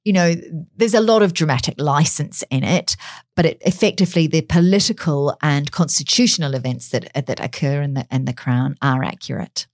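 A woman's voice: low voice, brisk, no room sound, clean studio sound. A woman chatting as a royal commentator, talking through frequent fillers and restarts. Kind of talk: casual radio chat.

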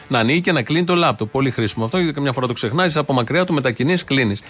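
A man's voice: mid-range voice, fairly bright tone. Sarcastic man hosting a commentary show. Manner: mocking, ironic. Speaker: radio show host. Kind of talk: sarcastic commentary on news clips.

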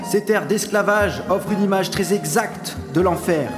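A man's voice: high-pitched, moderate pace, close to an everyday voice. A man playing an indignant seventeenth-century missionary priest, reading historical writings in a solemn, declamatory way over music. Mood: fiery condemnation.

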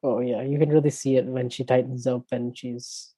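Mellow-voiced man in relaxed tennis chat. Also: mid-range voice, moderate pace, husky, no echo, poor audio. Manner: thoughtful, trailing off softly. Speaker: podcast co-host.

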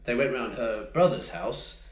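A man's voice: mid-range voice, unhurried, echoey room, a little hiss or hum. A man, a podcast co-host, telling an anecdote in casual chat and acting out the voices of the people in it. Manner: animated storyteller, mimics voices in quotes.

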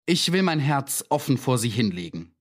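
Man doing a tormented murderer in his 30s, impassioned and self-justifying; middle pitch, audiobook. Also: very animated, moderate pace. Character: tormented male murderer, 36 years old, pleading.

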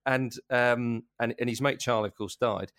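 A man's voice: mid-range voice, fairly even intonation, moderate pace, a bit bright, clean tone, no room sound. A man with an ordinary, mid-range voice recounts a story with exasperation. The recording is dry and close, with no room sound. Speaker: podcast co-host. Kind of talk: casual chat.

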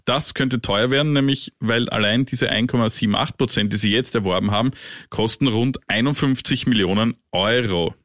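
A man co-hosts a finance podcast in a measured, wry manner. His voice sits mid-range and is recorded dry and close. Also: medium pitch, fairly bright tone, dry recording. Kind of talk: casual chat and read disclaimer.

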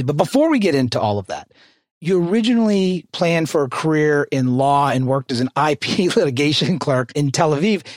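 A man's voice: medium pitch, no room sound, clean studio sound. A man hosting a podcast, reading a polished scripted intro and then asking curious interview questions. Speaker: podcast host.

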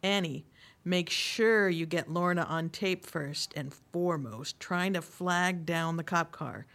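A woman playing a bossy police officer in a sitcom radio play, giving brisk orders. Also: fairly low pitch, a bit bright. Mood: commanding.

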